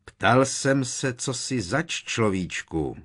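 A man's voice: deep voice, sing-song, breathy edge, exaggerated voice. A man voicing a proud, stern male centaur who speaks harshly and with scorn.

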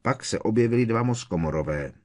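A man's voice: fairly low pitch, animated, voice pushed up. A man voicing an irritated teenage boy wizard who answers curtly and impatiently in an audiobook. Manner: curt, tense, impatient. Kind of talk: audiobook character reading.

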